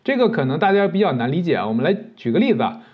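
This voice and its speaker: A man's voice: a little high, sing-song, very fast, breathy edge, dull audio. A man teaching video editing step by step, patient and explanatory, with many fillers. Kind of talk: screen-recorded software tutorial.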